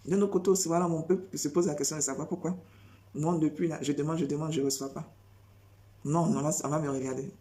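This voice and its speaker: Woman preacher, sermon delivery; low, mellow tone, insistent and repetitive, heavy on rhetorical questions. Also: fairly even intonation, fast. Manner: insistent, repeats phrases and fires rhetorical questions.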